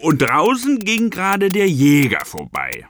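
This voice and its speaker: A man's voice: a little high, huge pitch swings, unhurried, fairly bright tone, slight background noise. A man telling a fairy tale comically, in the manner of an old sailor spinning a yarn, with mock-earnest asides. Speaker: storyteller.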